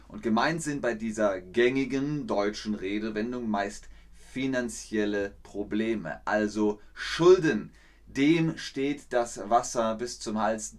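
Guy teaching a language on a stream, talks real slow and clear, voice jumps up high sometimes. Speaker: German teacher and livestreamer. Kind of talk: live-streamed language lesson.

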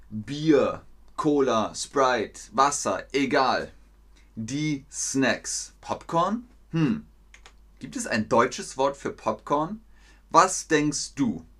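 Man, language teacher on a stream, very slow and clear, repeats phrases, medium pitch. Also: expressive, fairly bright tone. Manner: acts out short dialogues. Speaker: German teacher streaming online.

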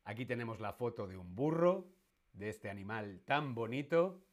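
A man's voice: medium pitch, big pitch swings, moderate pace. A man with a Spain Spanish accent teaching a live-streamed language lesson, playful and quizzing his viewers, repeating each question. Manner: makes animal noises in jest.

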